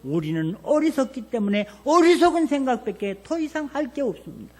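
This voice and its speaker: An older pastor, preaching a revival sermon in a folksy storytelling way, asking the congregation questions. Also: male voice, very high-pitched, very animated, a little fast, a little mellow.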